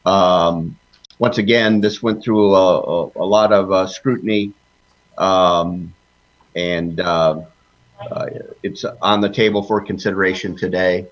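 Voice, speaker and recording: A man with a hesitant, halting way of talking, introducing agenda items at a board meeting. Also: deep voice, steady tone. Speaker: trustee running a board meeting. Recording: dull, muffled meeting audio.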